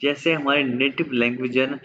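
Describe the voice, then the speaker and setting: A man whose first language is Urdu, teaching a German lesson online and drawing out pronunciation drills slowly. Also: medium pitch, fairly even intonation, muffled recording, noisy background. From Pakistan. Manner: slow, drawn-out pronunciation drills.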